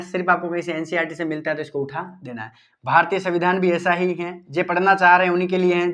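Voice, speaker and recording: Male teacher, fairly high voice, chatty repetitive study tips aimed straight at students. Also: fairly bright tone. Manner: informal, repetitive, addresses students directly. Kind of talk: exam-prep study advice lesson.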